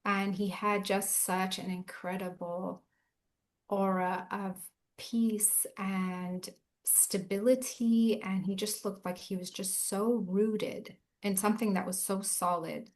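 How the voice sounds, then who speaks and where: Guest: woman in her forties, mid-pitched chaplain, earnest and reflective. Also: little pitch movement, slow pace. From Southern California. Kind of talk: casual interview talk.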